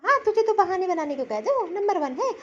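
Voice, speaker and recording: A woman's voice: very high voice, big pitch swings, fairly quick, a little hiss or hum. A woman voicing a lazy, dismissive older mother-in-law in a cartoon story, scolding and brushing off requests. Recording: slightly dull lo-fi recording.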